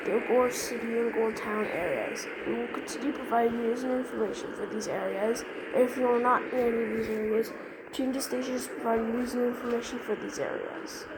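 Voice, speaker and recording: A woman with a fairly high voice and a steady tone narrates a scripted mock emergency alert. Her delivery is halting, repeating words here and there. Clear background noise runs throughout the recording.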